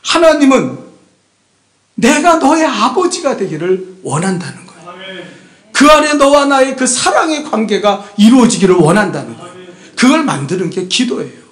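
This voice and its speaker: A man pastor delivering a Sunday sermon, emphatic and prodding his congregation with rhetorical questions, swinging between loud exhortation and hushed asides. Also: extremely high pitch, big pitch swings, moderate pace. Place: church sanctuary. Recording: echoey church room.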